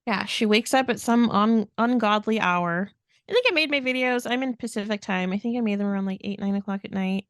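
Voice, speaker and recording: A woman co-hosting a podcast, telling events in a lively, casual way and imitating other people's voices. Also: mid-range voice, a little fast, dry recording, clean studio sound. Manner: animated storytelling, mimics others' voices. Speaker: podcast co-host.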